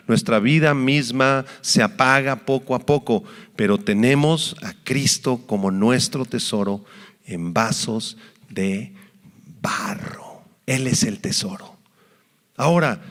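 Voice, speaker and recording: Gravelly pastor preaching. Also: male voice, medium pitch. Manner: emphatic, dropping to a whisper for stress. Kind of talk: sermon. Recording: long reverb of a church hall.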